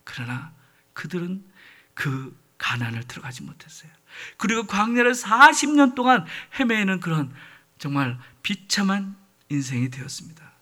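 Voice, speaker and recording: A man's voice: high-pitched, very animated, moderate pace, sharp tone. A man preaching a sermon as pastor, earnest and addressing the congregation directly.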